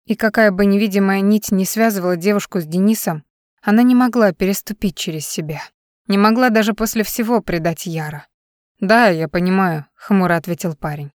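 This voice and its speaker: Woman narrating a novel, steady even reading, dry close mic. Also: mid-range voice, a little fast, dry recording. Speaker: audiobook narrator. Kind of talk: scripted narration.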